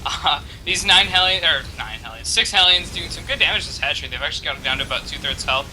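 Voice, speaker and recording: Bright, forceful male esports caster. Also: fairly high pitch, animated, quick pace, slight background noise, low-quality recording. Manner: upbeat, thinking aloud, self-correcting. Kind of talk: casual game commentary.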